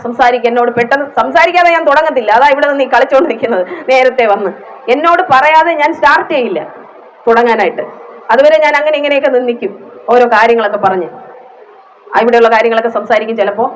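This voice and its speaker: Brief: woman preacher with a Malayali accent, higher-pitched, emotional sermon delivery, faint room noise. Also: low-quality recording. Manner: emotional, rising into fervent prayer; frequent hallelujahs.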